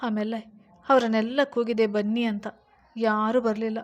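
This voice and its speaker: A woman's voice: fairly high pitch, level tone, a little slow, highs cut off, natural voice. A woman voicing a sick young wife who talks in a childlike, pleading way. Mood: tearful.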